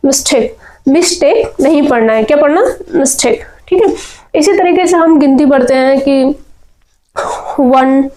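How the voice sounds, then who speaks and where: A woman's voice: high voice, moderate pace, warm tone, poor audio. A woman teaching spoken English pronunciation, drilling words over and over and asking and answering her own questions.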